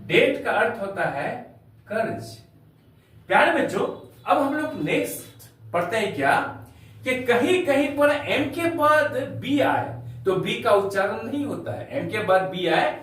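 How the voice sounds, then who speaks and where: A man's voice: extremely high pitch, big pitch swings, measured pace, a bit bright. A man teaching a spoken English lesson to students, spelling words out letter by letter and calling them dear children, recorded from a distance in a very echoey room. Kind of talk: classroom-style spoken English lesson in Hindi.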